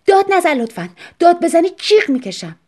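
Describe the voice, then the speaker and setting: A woman doing a sarcastic upset young wife. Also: expressive. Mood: pleading. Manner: sharp, sarcastic, raised high voice.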